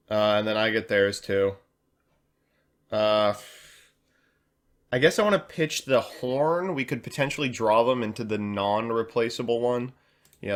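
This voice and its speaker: A man talks casually through a card game on a live stream, reacting loudly to draws and reading chat aloud. His voice sits at an ordinary male pitch, and he laughs easily at his own jokes.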